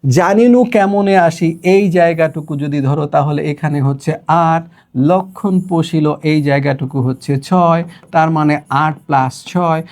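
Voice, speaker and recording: High-voiced man teaching a poetry class. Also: a little mellow. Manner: explains step by step, often checks with students, recites verse lines slowly.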